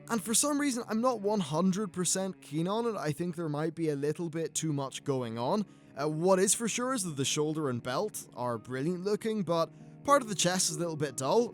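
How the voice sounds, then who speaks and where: British man, higher-pitched voice, casual game commentary. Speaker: gaming video host.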